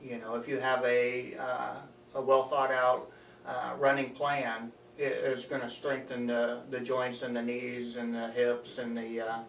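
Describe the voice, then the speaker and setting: A man's voice: medium pitch, monotone, a bit bright. Earnest young guy answering interview questions, roomy echo, a bit far from the mic, faint hum behind. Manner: earnest, halting, talks in short stretches. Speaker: running coach, guest.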